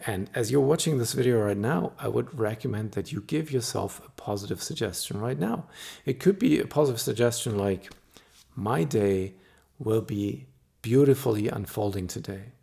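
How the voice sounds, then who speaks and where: His gravelly, husky, somewhat low voice moves at a normal speed as he talks straight to camera by himself. He is a middle-aged hypnotist whose mother tongue is German, and he sounds calm, explanatory, and quietly persuasive.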